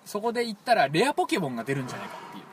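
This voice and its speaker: A man from Toyama with a Toyama dialect, telling a rambling, animated story as a radio show co-host in casual chat. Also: high-pitched, very fast, a little hiss or hum. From Toyama, Japan. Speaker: podcast co-host.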